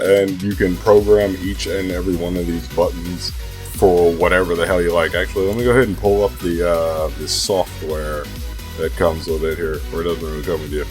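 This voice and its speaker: This gaming vlogger is a young man whose low voice carries a slightly mellow quality. Congested from a cold, he meanders through casual, hesitant talk about games, swearing without restraint.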